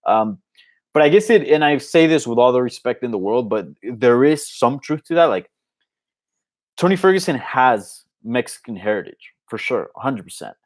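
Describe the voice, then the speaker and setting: Speaking at normal speed with a medium-pitched, expressive voice, this Spanish-speaking man from Colombia runs an informal, unscripted live Q&A about MMA. He keeps the talk casual and conversational.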